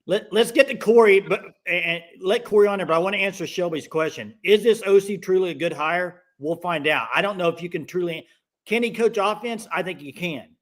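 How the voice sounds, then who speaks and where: A male sports show host with a fairly high voice. He talks casually and conversationally, addressing his callers directly. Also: brisk. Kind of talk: casual live sports talk.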